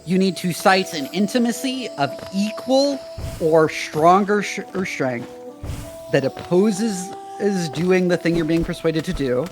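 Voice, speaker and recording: A man's voice: high voice, animated, unhurried, music in the background. A man in a casual chat, eagerly explaining the rules of a tabletop game at length.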